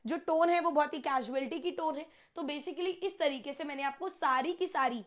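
A woman's voice: high voice, sharp tone. A young woman teacher, running a live online revision class in a chatty, teasing way and slipping phrases into her talk.

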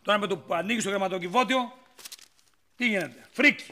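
An actor playing an exasperated father who scolds his son over a huge phone bill. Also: sits high. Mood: scolding. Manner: scolding, shouting, chasing. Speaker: actor in a TV comedy series. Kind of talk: sitcom acting.

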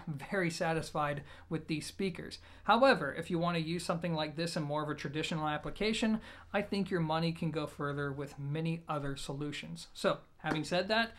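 A man with a fairly high pitch reviews a product briskly to camera. As an audio gear reviewer and host, he comes across as conversational, emphatic, informal and explanatory, recorded in a small indoor room with a plain wall.

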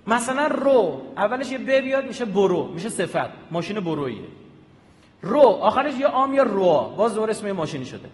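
A man giving an animated public lecture, often checking with his audience through quick rhetorical questions. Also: sits high. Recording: echoey hall with long reverb.

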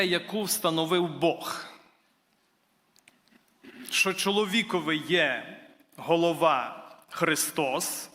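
A man's voice: on the high side, bright, forceful tone. A man preaching a sermon in church, earnest and building to emphatic declarations, addressing his listeners as brothers and sisters. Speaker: guest preacher. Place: church hall. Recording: reverberant church hall.

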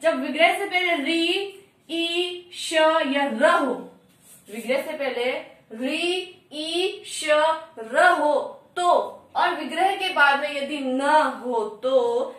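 A woman teaching an exam-prep grammar lesson in a high voice, stating each rule and then asking her own questions and answering them. She sounds far from the microphone, in a strongly echoing room. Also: extremely slow, a bit bright. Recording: echoey room, far from the mic.

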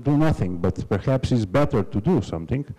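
A man with a Slovenian accent moderates a university panel, speaking haltingly and filling gaps with ums. His voice is low and mellow. The sound carries the long reverb of a lecture hall. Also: expressive. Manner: hesitant, many fillers.

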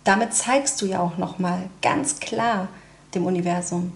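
A woman's voice: fairly low pitch, fairly even intonation, unhurried, creaky, reverberant. A woman giving a casual tarot card reading, talking chattily with many tag questions and fillers. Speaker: tarot reader.

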